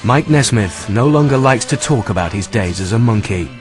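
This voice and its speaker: A man giving measured, scripted documentary narration. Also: fairly low pitch, expressive. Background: music.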